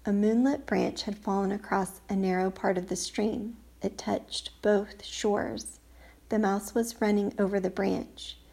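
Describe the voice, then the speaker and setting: A woman's voice: medium pitch, fairly even intonation, measured pace, vocal fry, mellow, slightly rough. A woman reading a children's storybook aloud, lifting her voice for the characters' lines. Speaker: audiobook reader. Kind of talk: storybook narration.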